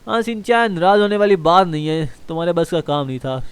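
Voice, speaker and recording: A man's voice: fairly high pitch, expressive, brisk, clean tone, close to an everyday voice. A man voicing a chatty, laid-back young man in a fan game role-play, talking to viewers now and then. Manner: chatty, uses "yaar" a lot, talks to viewers.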